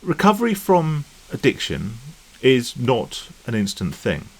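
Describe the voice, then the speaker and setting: A man's voice: mid-range voice, huge pitch swings, unhurried. A man talking casually to camera about recovering from gambling, rambling and checking in with the viewer. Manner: rambling, conversational, checks in with "right?" and "okay?". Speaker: YouTube vlogger on gambling recovery.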